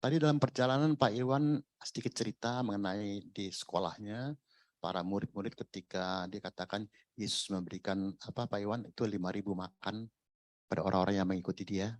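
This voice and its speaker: A man's voice: fairly low pitch, fairly even intonation, brisk, no room sound. A man preaching a sermon in a conversational, jokey way, full of rhetorical questions. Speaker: pastor. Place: church.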